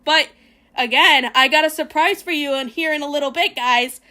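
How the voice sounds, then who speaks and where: A high-pitched woman streamer with a bright, sharp tone talks over a video in a blunt, foul-mouthed rant. She mocks and mimics in a loose, casual reaction style. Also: moderate pace. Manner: blunt and profane, ranting, mocking; sarcastic mimicking voices.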